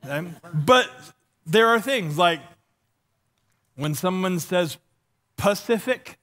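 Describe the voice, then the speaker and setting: Here a middle-aged man with a lisp, a pastor, preaches a humorous sermon on a church stage, pacing and gesturing as he acts out dialogue in stories about his own foibles. His voice is high-pitched with a fairly bright tone.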